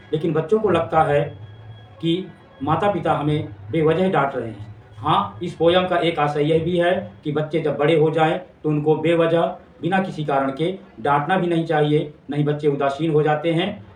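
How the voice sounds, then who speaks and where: Brief: male teacher, higher-pitched voice, explains and repeats everything plainly; recorded far from the mic in a roomy space. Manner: repetitive, explains each line and restates it simply. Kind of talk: explaining a poem to students. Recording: echoey room, distant mic, faint background noise.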